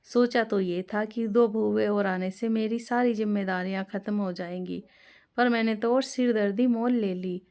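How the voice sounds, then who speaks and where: A woman's voice: mid-range voice, steady tone, normal speed, darkish tone, close to an everyday voice. A woman voicing an exasperated middle-aged mother-in-law who scolds in exclamatory complaints. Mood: scolding.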